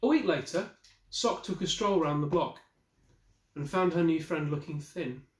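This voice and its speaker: At a normal pace, a fortyish man with a somewhat high voice for a man performs a storybook read-aloud of a children's picture book, bringing expression to the tale and occasionally speaking directly to listeners. He records indoors in a small wallpapered room, and the sound is roomy with lots of echo.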